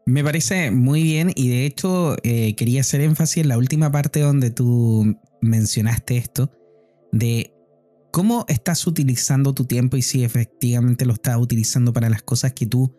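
A man with a Chilean accent sharing personal reflections in a podcast chat, speaking thoughtfully with frequent pauses. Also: mid-range voice, dark tone, faint music behind. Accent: Chilean Spanish. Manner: thoughtful, personal, many "eh" fillers. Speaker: co-host.

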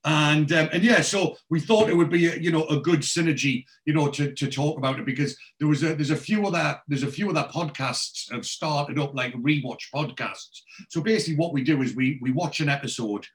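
A podcast host from North East England, a Geordie man in his forties, talks a little fast in a voice on the high side, barely pausing. His casual interview rambles along with many restarts and fillers.

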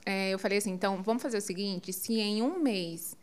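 A woman telling a personal story in a relaxed, animated conversation, often laughing. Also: mid-range voice, a little fast. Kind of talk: casual storytelling on a podcast.

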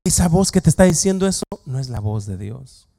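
A man pastor delivering a lively, humorous sermon, acting out quoted voices and joking with the congregation. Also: medium pitch, brisk, creaky.

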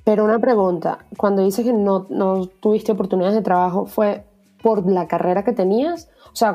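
Woman, podcast host, mellow voice, curious, teasing, faint music underneath. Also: medium pitch. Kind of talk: casual podcast chat.

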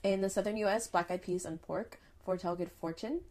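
A woman's voice: fairly low pitch, fairly quick, warm tone. A young adult woman co-hosting a podcast in casual chat, giggling often and reading out facts between jokes. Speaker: podcast co-host.

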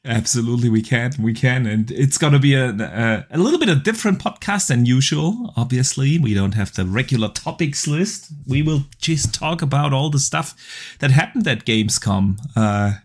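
Male podcast host, mid-pitched, upbeat, easygoing. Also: animated, moderate pace. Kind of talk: casual podcast chat.

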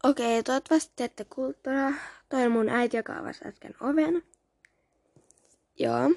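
A woman's voice: on the high side, gravelly, warm tone, no room sound. A woman hosting a casual podcast, reading a book aloud and chatting, often stumbling and correcting herself. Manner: reads aloud with frequent stumbles and self-corrections. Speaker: podcast host.

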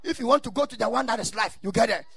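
A man's voice: extremely high pitch, very fast, vocal fry, a bit bright, slightly rough, dry recording. A man with a Ghanaian accent preaching a sermon in exhorting, repeated short phrases, mixing English with Ghanaian Pidgin and Twi.

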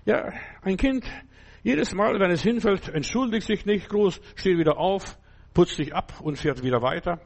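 A man's voice: sits high, moderate pace, gravelly, breathy edge. An older man preaching a sermon in a conversational, emphatic way, often asking his listeners whether they understand.

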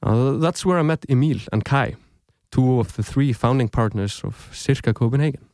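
Picture a thoughtful podcast in your earbuds: its host, a young native Icelandic man, tells his story at a measured pace from a dry, echo-free booth. The narration is scripted, and his voice is mid-range with a darkish tone.

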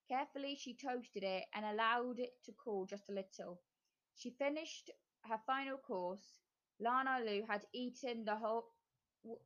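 A woman reading a children's story aloud in a gentle, unhurried way. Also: a little high, dull audio.

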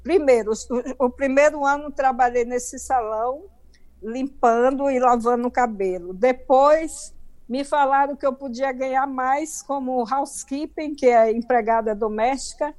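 A woman's voice: high voice, fairly even intonation, unhurried, darkish tone. A middle-aged Brazilian woman with a Brazilian Portuguese accent, telling her story emphatically as an interview guest.

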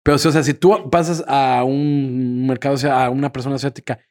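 A man's voice: mid-range voice, level tone, a little mellow. A young man with a Mexican accent, co-hosting a casual chat and telling slangy stories in which he acts out the people he quotes. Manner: fast slangy storytelling, acts out quoted voices. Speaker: podcast co-host.

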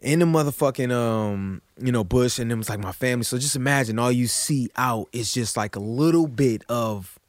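A man speaks in a close, dry recording as he tells stories in loose, slangy conversation. His delivery is animated and informal, peppered with little tags that check the listener follows. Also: medium pitch, moderate pace, hardly any pauses, no echo. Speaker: podcast guest. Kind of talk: casual, slangy chat.

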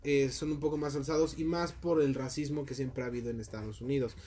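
A man's voice: medium pitch, steady tone, fast, warm tone, a little hiss or hum. A man with a Mexico City accent, a podcast guest chatting casually and swearing freely about call center work. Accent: Mexico City Spanish. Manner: slangy, swears freely, acts out quoted voices.

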